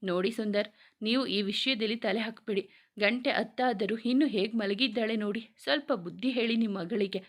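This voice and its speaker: A woman voicing a sharp-tongued middle-aged mother who scolds her family, in a read-aloud story. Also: mid-range voice, moderate pace, lightly acted. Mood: scolding. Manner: nagging, rebuking.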